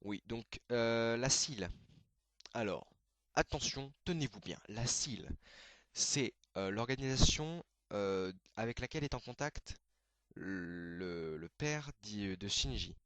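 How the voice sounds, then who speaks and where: A man hosting a casual anime video, explaining terms in a hesitant way, full of fillers and quick self-corrections. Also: fairly low pitch, lively intonation, fairly bright tone, no room sound.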